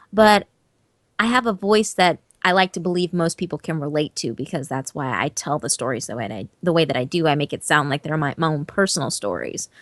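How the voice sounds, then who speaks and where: This woman narrates horror stories and is chatting casually as an interview guest, lively and emphatic, with offhand swearing. She has a fairly low voice, captured in a dry recording.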